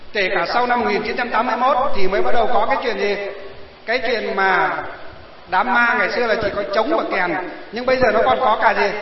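Male preacher, high voice, quizzes the crowd with rhetorical questions, muffled lo-fi sound. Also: a little hiss or hum. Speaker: Buddhist preacher. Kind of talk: sermon to villagers. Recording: echoey hall, dull lo-fi sound.

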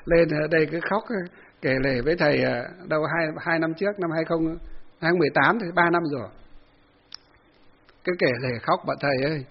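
A man's voice: fairly high pitch, normal speed, pauses often, highs cut off. A man giving a folksy Buddhist sermon, telling a story with many fillers and acted-out quotes. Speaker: Buddhist monk giving a dharma talk.

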